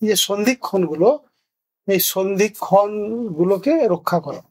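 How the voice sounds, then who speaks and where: Male spiritual teacher with a notably high voice, patient and explanatory, teaching in a discussion. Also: normal speed, a little mellow, husky. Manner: explains patiently, asks rhetorical questions. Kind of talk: spiritual discourse.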